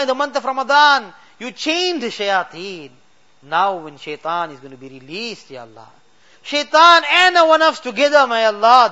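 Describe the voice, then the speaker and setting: On a dull lo-fi recording, an imam with a sharp, high-pitched voice leads a late-night supplication full of fervor. His pleading keeps circling back to the same refrains.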